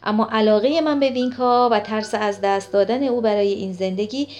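A woman's voice: mid-range voice, darkish tone. A woman reading a story aloud as narrator, voicing the characters' lines in close to her own voice. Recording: faint music behind the voice.

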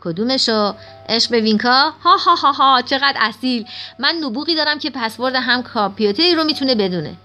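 A woman's voice: on the high side, bright, forceful tone, soft background music. A woman voicing a boastful, mocking male know-it-all double in a storybook reading. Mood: smug.

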